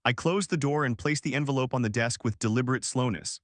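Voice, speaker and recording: A man narrating a first-person story in an even, measured way. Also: medium pitch, no echo, clean studio sound.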